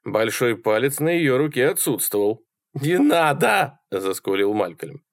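A man narrating a short story in a lively, dramatic reading. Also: on the low side, moderate pace, no echo, studio quality. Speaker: audiobook narrator. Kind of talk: scripted narration.

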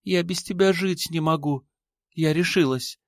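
A tearful, devoted young woman from a storybook, as a deep-voiced male reader lifts his voice high to put her on. She pleads in a raised, trembling voice, caught up in sobs. It is a dry, close recording with no room sound. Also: measured pace, no echo. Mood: pleading.

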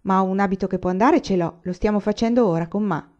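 A woman's voice: mid-range voice, fast, darkish tone, lo-fi sound, lightly acted. A woman reading the part of a spirited young frontier woman who speaks frankly and firmly. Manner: frank and firm.

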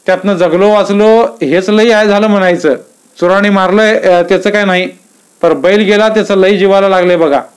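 A man's voice: high-pitched, fairly even intonation, moderate pace, clean tone, voice pushed up, natural voice. A man playing a wailing, crazed young villager. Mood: rambling. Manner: rustic village dialect, wailing and pleading. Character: distraught young village man, potter's son, gone mad.

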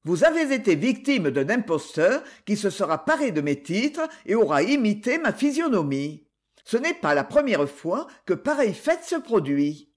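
Man playing a proud haughty nobleman, dignified, indignant, animated. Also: high-pitched.

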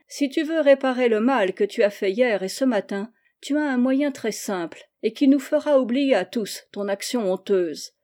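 Outspoken aunt, firm and lecturing, mellow tone, read by a woman. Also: medium pitch, natural voice. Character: brisk, outspoken older aunt.

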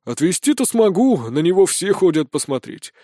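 A boisterous male dwarf miner speaks in a loud, folksy, proud manner, played by a male audiobook reader. His voice sits a little high and sounds dry and close. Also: big pitch swings, normal speed, no room sound.

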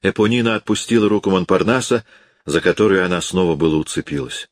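Deep-voiced man reading a classic novel. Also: no room sound, clean studio sound. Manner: steady, measured literary reading. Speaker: narrator. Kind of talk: audiobook reading.

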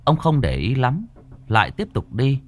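In a dramatic, expressive storytelling manner, a man tells a ghost story at a moderate pace in a mid-range voice.

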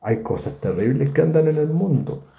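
A man leads a Bible study with a gravelly, mellow voice, often acting out the scenes. The sound is echoey and a little dull, like a lo-fi recording made in a bare room. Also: a little high, moderate pace. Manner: animated, acts out the scripture scenes.

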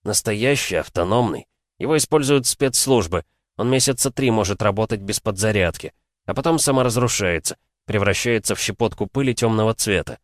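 A sly investigator leans on his listener with calm, persuasive insistence, voiced by a man reading a novel. His voice sits a little above the reader's usual register. The sound is close and dry. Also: fairly low pitch, fairly quick, no room sound, lightly acted. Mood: explaining. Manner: persuasive, pressing. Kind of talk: audiobook character voice.

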